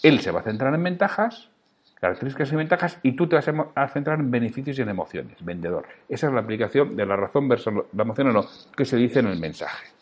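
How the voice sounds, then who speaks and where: A man's voice: mid-range voice, expressive, fast talker. A man with a Spanish accent hosting a solo podcast, speaking directly and emphatically to the listener as he teaches sales.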